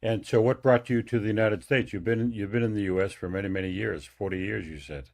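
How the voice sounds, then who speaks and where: A man's voice: lowish voice, a little fast, vocal fry. A man hosting a radio interview, speaking with many hesitations and restarts. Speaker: radio host.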